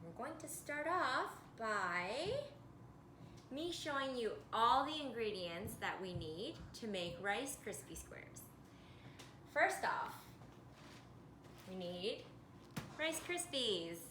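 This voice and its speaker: A woman's voice: a little high, lively intonation, slow pace, pauses often. A woman talking like a kids show host, leading children through a cooking lesson in simple, sing-song, teacher-like phrases. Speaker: presenter of a children's cooking video. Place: home kitchen. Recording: echoey kitchen, loud background noise, pan clatter.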